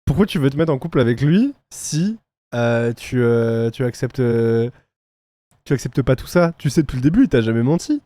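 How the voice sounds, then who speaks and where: A man's voice: mid-range voice, animated, dark tone, no room sound. Dry-voiced mocking male streamer. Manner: mocking, chatty, quick to laugh. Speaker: streamer reacting to a reality show. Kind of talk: casual live-stream commentary.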